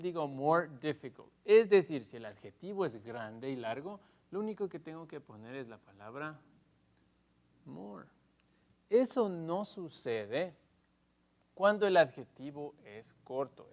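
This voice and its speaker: A slow, patient man in a televised English lesson, speaking a little high for a man. He takes each rule step by step and calls out the English example words with extra force and care. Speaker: English teacher.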